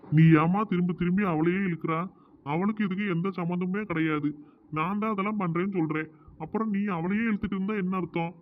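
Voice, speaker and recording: Guy doing a soft-hearted cartoon brother, high quick voice, tinny phone-like sound. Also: steady tone, close to an everyday voice. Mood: placating. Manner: pleading, placating. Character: soft-hearted middle-aged village man, the brother. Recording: tinny phone-like audio with faint noise.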